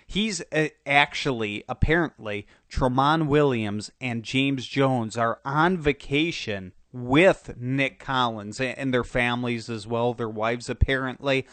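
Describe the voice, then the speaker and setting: A man's voice: medium pitch, a little slow, few pauses, fairly bright tone, no echo. A man with a cold and a nasal voice, hosting casual sports talk commentary with many restarts. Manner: rambling, many restarts and fillers. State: congested with a cold. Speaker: podcast host.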